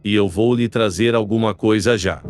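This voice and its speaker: A man voicing a calm, plain-spoken fisherman aboard a schooner. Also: fairly low pitch, normal speed, faint music behind, close to an everyday voice. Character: steady male fisherman on a schooner.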